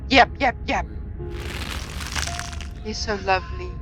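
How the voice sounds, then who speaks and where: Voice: medium pitch, slow, highs cut off, music in the background, lightly acted. A player voicing a sweet, eager young girl. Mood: delighted. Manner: eager, wondering, childlike.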